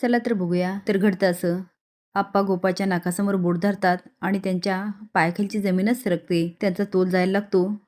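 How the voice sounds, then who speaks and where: A woman narrating a recap of a TV serial episode in an even storytelling manner. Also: mid-range voice, normal speed.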